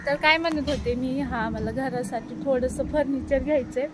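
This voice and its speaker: An Indian woman in her thirties vlogs casually on a phone she holds herself, first from her home terrace and then in a furniture shop, chatting directly to viewers and haggling loudly. Her high-pitched voice is steady and moderately paced, with reverberation, in a noisy phone recording with traffic.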